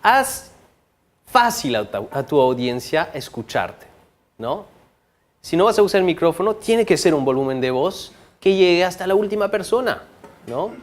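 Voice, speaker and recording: A man leads a training session on body language, his voice sitting a little on the higher side. He talks to the room in a lively way, checking in with listeners often, and he slows down, drops his volume, then hits a word hard to make a point. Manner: lively, frequent rhetorical checks with the audience; varies volume and speed for emphasis. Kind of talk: training talk to an audience.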